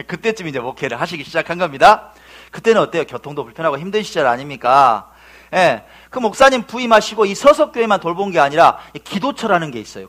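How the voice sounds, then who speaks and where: A male pastor preaching a sermon, telling stories lively and asking then answering his own questions. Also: fairly high pitch.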